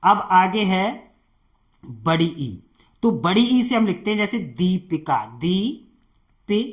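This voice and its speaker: A tutor teaching beginners to spell names, talking slowly, repeating each word and answering his own questions. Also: sits high, sing-song.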